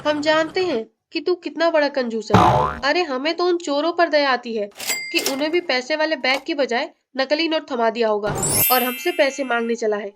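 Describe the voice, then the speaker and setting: A woman's voice: sits high, normal speed, noisy background, natural voice. A woman voicing a scheming, stingy male police inspector in a cartoon comedy, with a wheedling, sly manner. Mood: grumbling. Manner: wheedling, sly, mutters insults aside. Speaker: cartoon character voice. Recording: loud music bed under voice.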